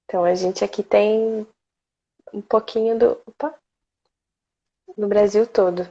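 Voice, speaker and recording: A woman's voice: medium pitch, fairly even intonation, a little slow, dark tone. A woman from Brazil hosting a casual live poetry stream, chatty and greeting viewers by name. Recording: slightly dull lo-fi stream audio.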